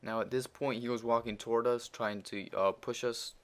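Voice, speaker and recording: Here a teenage boy with a Russian accent narrates a profanity-laden, crude story while commentating on a game, rambling with many fillers. His male voice sits mid-range, steady and moderately paced, and it rises in volume and heat as he recounts the argument.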